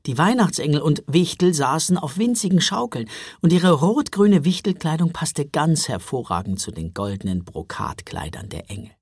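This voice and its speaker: A man narrating a children's Christmas audiobook, expressive storyteller. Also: fairly high pitch, normal speed, slightly rough, no room sound, studio quality.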